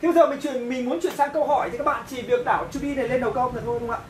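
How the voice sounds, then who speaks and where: Woman w vietnamese accent doing an english grammar lesson, kinda high voice, mic far off in an echoey room. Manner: slow, repeats and translates each phrase, often asks "right?". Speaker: English teacher. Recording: echoey room, voice from a distance, faint hiss.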